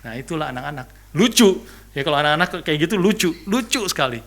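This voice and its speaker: A man preaching a sermon, animated and humorous, asking rhetorical questions and repeating key phrases with frequent "ya" tags. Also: a little high, quick pace. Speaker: pastor. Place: church.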